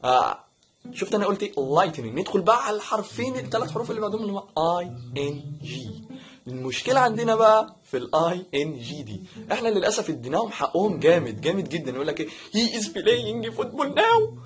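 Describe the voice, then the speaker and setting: Fast-talking Egyptian man teaching pronunciation. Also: high-pitched. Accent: Egyptian Arabic. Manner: joking, animated, mimics wrong pronunciations. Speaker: English teacher, channel host. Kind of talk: casual video lesson.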